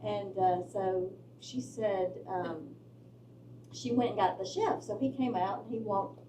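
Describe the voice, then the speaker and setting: A woman's voice: mid-range voice, fairly even intonation, measured pace, mellow, slight background noise. A woman in her fifties telling a personal story in a hesitant way, with many fillers. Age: 50s. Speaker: class member sharing a story. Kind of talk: casual storytelling. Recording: echoey room, far from mic.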